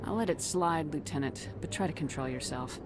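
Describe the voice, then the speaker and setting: Female actor as a curt, dry commanding officer, lower-pitched, for a game. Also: a little fast, very noisy, natural voice. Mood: stern.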